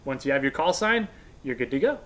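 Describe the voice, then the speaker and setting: Very animated and fairly quick, this American guest in his thirties has a mid-range, slightly bright voice. He's a radio expert and instructor giving a casual, conversational explanation on a couch in an indoor workshop room.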